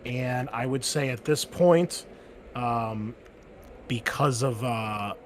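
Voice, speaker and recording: Slowly and in a medium pitch, a man runs a tabletop RPG as game master, describing the scene in a loose, rambling way full of fillers. There's slight background noise.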